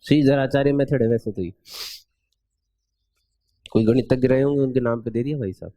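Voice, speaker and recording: Playful man teaching math, dark tone. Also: mid-range voice, no room sound. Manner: playful, asks students rhetorical questions, drags out formulas slowly. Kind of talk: chatty classroom lecture.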